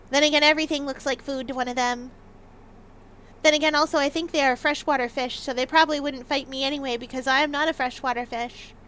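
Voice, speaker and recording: A woman livestreamer chatting playfully in an excitable, bouncy way, often repeating words for emphasis. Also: high-pitched, a little hiss or hum.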